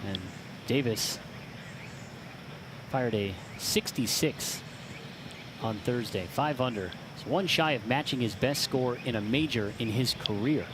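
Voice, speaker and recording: A male lead golf commentator with a medium-pitched voice. He announces play in measured, concise phrases, with clear outdoor ambience behind him. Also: noisy background.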